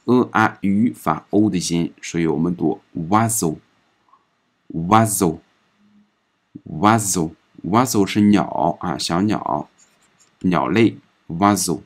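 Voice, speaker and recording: A man with a very low voice teaching a recorded pronunciation lesson at an unhurried pace. He explains each rule patiently, softening his phrases with small particles, and stretches out each example word, saying it again and again. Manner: repeats each example word several times, drawn out. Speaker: French language teacher.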